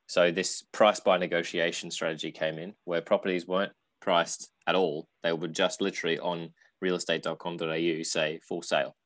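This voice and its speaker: Deep-voiced man hosting a podcast. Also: fairly bright tone, dry recording. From Australia. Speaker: podcast host. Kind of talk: casual podcast conversation.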